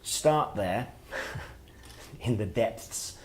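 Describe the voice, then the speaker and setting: A middle-aged man, an author giving a workshop talk, speaking in a reflective, halting way as he thinks aloud. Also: fairly low pitch, expressive, a little hiss or hum. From Wales. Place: workshop room with listeners.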